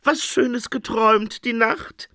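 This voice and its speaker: A man voicing a pompous male dream interpreter in a storybook reading, declaiming his prophecies slowly and loudly. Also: very high voice, no room sound, clean studio sound, voice pushed up, full character voice.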